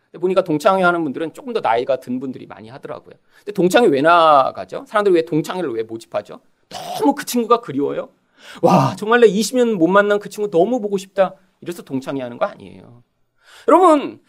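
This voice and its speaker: A middle-aged male pastor preaching a sermon to his congregation, addressing them often and acting out the voices he quotes. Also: high-pitched.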